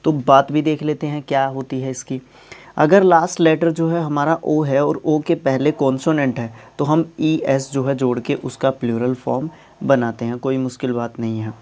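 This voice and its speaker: A man's voice: mid-range voice, fairly even intonation, normal speed, a little mellow. A man teaching English grammar in Hindi, explaining rules step by step and asking the class questions as he goes.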